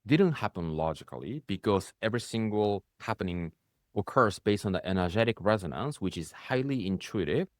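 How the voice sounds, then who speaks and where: This spiritual coach hosts a reflective conversation in English, a later-learned language he speaks with a Japanese accent. His lowish voice is lively and fairly quick, coming in rising bursts that frequently end in "right?" as he checks in. The sound is studio quality with no echo.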